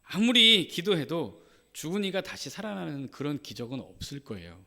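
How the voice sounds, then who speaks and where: Male pastor, lively and somewhat high voice, conversational sermon delivery with spoken asides, long church reverb. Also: moderate pace, gravelly. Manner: conversational, with affirming "예" asides, acting out quoted lines. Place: church sanctuary.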